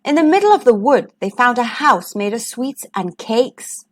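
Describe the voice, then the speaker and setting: A woman with a fairly high voice acts as host and narrator, reading a storybook aloud to young children. Her delivery is expressive and deliberate.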